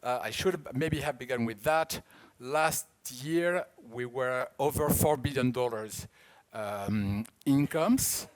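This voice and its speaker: A man in his fifties with a French accent, a native French speaker, giving a conference talk as an auction house director, explaining in a halting way with frequent restarts. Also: mid-range voice. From France. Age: 50s.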